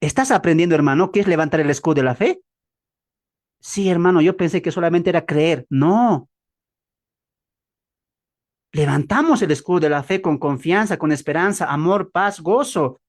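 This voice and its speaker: A man preaching a Bible class sermon, asking the audience questions and acting out both sides of dialogues with changing pitch and pace. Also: animated, normal speed, pauses often. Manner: dramatic, acts out dialogues with shifts in pitch and pace; asks the audience rhetorical questions. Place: church hall, also streamed on a video call.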